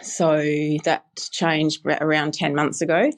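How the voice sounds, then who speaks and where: A woman's voice: low voice, steady tone, measured pace. A woman in her forties giving a chatty, matter-of-fact casual testimonial. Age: 40s. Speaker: podcast guest giving a testimonial.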